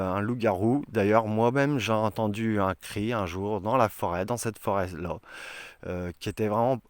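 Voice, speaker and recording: A man's voice: fairly low pitch, clear, resonant tone, dry recording. A man vlogging outdoors in a forest, talking earnestly and rambling with many hesitations. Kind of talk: casual vlog talk to camera.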